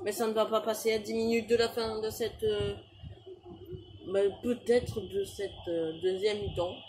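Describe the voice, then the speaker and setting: A young French man commentating a football video game he is playing, rattling off player names and shouting at big chances. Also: sits high, flat delivery, a little slow, a little hiss or hum. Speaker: gaming YouTuber.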